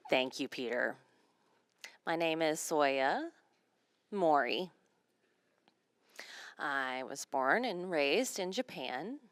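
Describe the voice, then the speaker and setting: Speaking for a signer at a seminar, this woman interprets phrase by phrase in a measured way. Her pitch is low yet animated, with no echo in the room.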